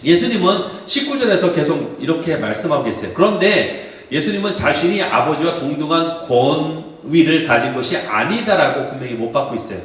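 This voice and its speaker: Lively high-voiced pastor in an echoey church. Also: male voice, brisk. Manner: explanatory, asks the congregation questions. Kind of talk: sermon. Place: church sanctuary. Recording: echoey hall from far off.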